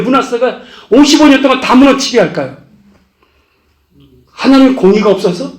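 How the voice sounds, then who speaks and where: A middle-aged male pastor giving a passionate testimony sermon, his voice leaping up on key phrases. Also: echoey room. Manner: impassioned preaching, pitch swings up on key phrases.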